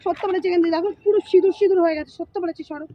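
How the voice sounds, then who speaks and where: A woman's voice: very high voice, steady tone, very fast, crowd noise. A young woman arguing in a prank video, upset and insistent, repeating her demands over and over. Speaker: prank target. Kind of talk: heated argument in a prank video. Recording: muffled phone audio with loud background noise.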